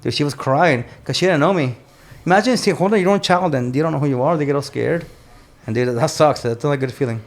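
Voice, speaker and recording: A man's voice: fairly high pitch, quick pace, hardly any pauses. A man in his forties, a military veteran and father, telling rambling stories on a podcast with many restarts. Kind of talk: casual storytelling chat.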